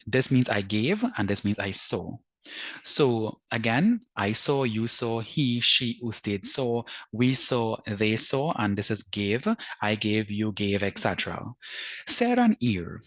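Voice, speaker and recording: A man's voice: on the low side, dry recording. A man teaching a recorded language lesson over slides, patiently explaining and repeating points and often checking with "right?". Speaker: Spanish teacher.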